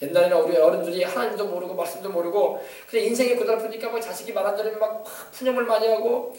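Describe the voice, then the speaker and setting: A man pastor delivers a rapid sermon in a high voice, emphatic and exhorting, now and then dropping to quieter asides. He sounds set back from the mic, and the church hall around him rings with echo. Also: little pitch movement. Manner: emphatic, exhorting, switching between loud commands and soft asides. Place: church sanctuary. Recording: echoey church hall from far off.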